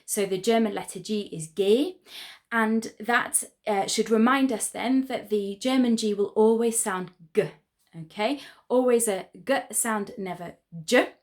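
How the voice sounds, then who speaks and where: A woman teaching a pronunciation lesson, explaining sounds in a clear, patient and encouraging way. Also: a little high, measured pace. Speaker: language teacher.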